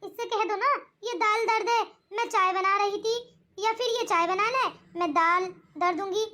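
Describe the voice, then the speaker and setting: A woman doing a meek, squeaky young daughter-in-law. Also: fairly even intonation, normal speed. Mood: pleading. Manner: polite, soft-spoken and deferential. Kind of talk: cartoon voice acting.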